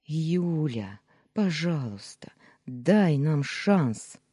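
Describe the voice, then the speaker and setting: An audiobook reader voicing a pleading, insistent young man who talks slowly and with feeling. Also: medium pitch, lively intonation, mellow, breathy edge, no echo, clean studio sound. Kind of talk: audiobook character reading.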